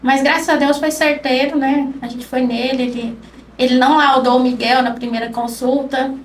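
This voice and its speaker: High-voiced woman telling a heartfelt story. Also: steady tone, normal speed. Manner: acts out quoted dialogue, speaks softly. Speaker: podcast guest. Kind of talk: emotional personal storytelling. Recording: roomy, distant mic with faint noise.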